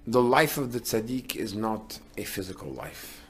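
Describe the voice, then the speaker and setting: A man's voice: on the low side, lively intonation, normal speed, a bit bright, husky. Earnest rabbi man giving a sermon. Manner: earnest, building to emphatic declarations.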